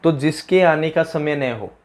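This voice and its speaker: A man's voice: a little high, unhurried, darkish tone. A young man who teaches an exam-prep lesson in a chatty way, repeating key words and slipping into local dialect jokes.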